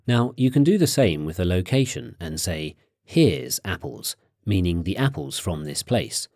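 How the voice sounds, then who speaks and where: Man, lowish lively voice, dry close mic; instructor prompting phrases and explaining points. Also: normal speed, no room sound. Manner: prompting questions, clear explanatory tone. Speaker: course narrator and teacher. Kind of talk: scripted instructional narration.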